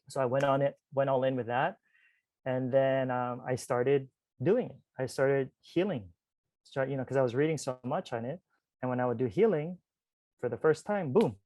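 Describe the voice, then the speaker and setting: On a podcast, a forty-year-old spiritual teacher shares a personal story, his mid-range voice free of any room sound. He's animated and conversational, constantly slipping in "like" and asides aimed at "you guys" in the audience.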